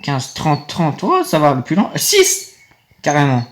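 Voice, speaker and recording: With a slightly high voice and huge pitch swings, a young man unhurriedly comments on a phone game for his viewers. He's a gaming video creator who rambles casually and gets annoyed easily, and there's a little hiss or hum in the audio.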